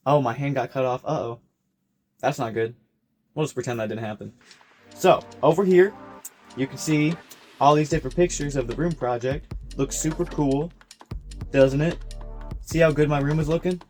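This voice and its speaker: A young man talks straight to his camera from his bedroom, loose and rambling. He cracks goofy jokes at himself and keeps going off on tangents. Faint music sits low underneath. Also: moderate pace, long pauses, darkish tone. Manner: goofy, rambling, self-mocking asides. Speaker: vlogger. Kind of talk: casual year-recap vlog.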